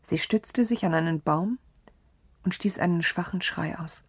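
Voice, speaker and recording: Woman narrating in a breathy whisper. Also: lowish voice, no echo. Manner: soft, breathy whisper, calm and measured. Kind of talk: whispered story reading.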